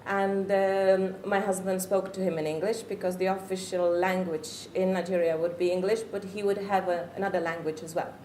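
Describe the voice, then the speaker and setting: Speaking at normal speed with few pauses, this middle-aged woman from the Czech Republic has a low-leaning, darkish voice with little pitch movement. A native Czech speaker with a Czech accent, she earnestly reflects on her experience as a parent while searching for words, in an echoey room with faint background noise.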